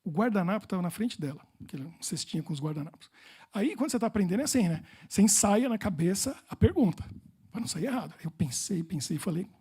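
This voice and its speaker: A Brazilian pastor preaches with a dark, mellow tone. His voice is a little husky. He tells funny personal stories and repeats words for effect. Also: sits high, expressive, quick pace. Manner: humorous storytelling, playful repetitions.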